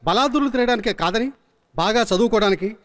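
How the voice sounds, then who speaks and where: An actor playing a college official who gives measured advice to graduating students in dubbed film dialogue. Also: male voice, sits high, expressive, a bit bright. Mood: advising. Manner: advising, measured. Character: stern older male college official. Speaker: college head giving a farewell talk. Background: film score.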